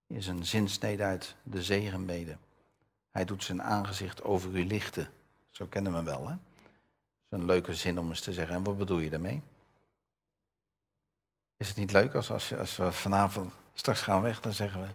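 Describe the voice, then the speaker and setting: Husky older man preaching a sermon. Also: sits low, steady tone, moderate pace, pauses often. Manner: conversational, asks the audience questions; reads scripture with raised voice.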